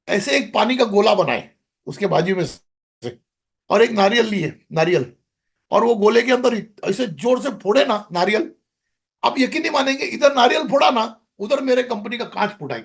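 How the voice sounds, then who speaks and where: A man's voice: sits high, animated, normal speed, creaky. A middle-aged man, a podcast guest, telling a rambling story in casual conversation, with many restarts.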